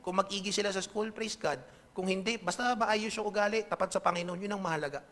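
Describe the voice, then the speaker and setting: A man's voice: high-pitched, fast, fairly bright tone, slight background noise. A pastor with a Filipino accent preaching a conversational sermon to his congregation, checking in with them often. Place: church hall. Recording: echoey hall reverb.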